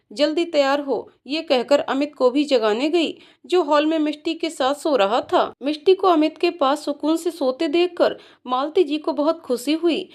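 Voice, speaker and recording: A woman narrating a scripted family drama story in an even storybook reading. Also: sits high.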